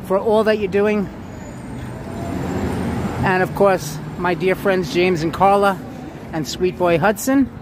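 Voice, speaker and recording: High-voiced man with a Queens accent. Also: steady tone, takes it slowly, pauses often. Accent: Queens New York. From Queens, New York City. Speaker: livestream host. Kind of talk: casual walking livestream chat. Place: outdoors on a busy city sidewalk. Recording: noisy city street with traffic. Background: street ambience and passing cars.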